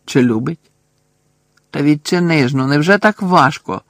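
A man with a husky, gravelly voice reading a story aloud and playing an impatient, frustrated young teenage boy wizard in an agitated, exasperated way. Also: mid-range voice, expressive, slow pace, dry recording, clean studio sound, full character voice. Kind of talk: audiobook character voice.

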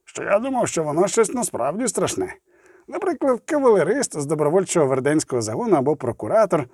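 A gruff, sardonic dwarf who mocks and swears, his voice pitched high and leaping around, as a male reader puts him on. The tone stays mellow and dark. It is heard dry and close, as in a booth. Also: big pitch swings, fast, no echo. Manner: mocking, swears freely. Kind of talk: audiobook reading.

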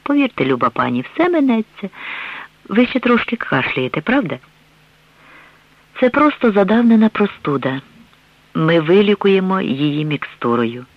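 A man reading the lines of a gentle, optimistic country doctor who reassures a patient in a soft, polite way, in a dull, dry radio recording. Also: high voice, a little fast, no echo, voice pushed up, lightly acted. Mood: soothing.

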